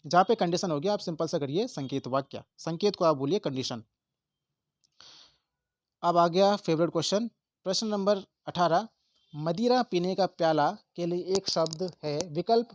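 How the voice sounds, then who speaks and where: A man's voice: high voice, normal speed, no room sound. A man teaching an exam-prep lesson, explaining step by step and stressing key words to his viewers. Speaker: Hindi exam tutor.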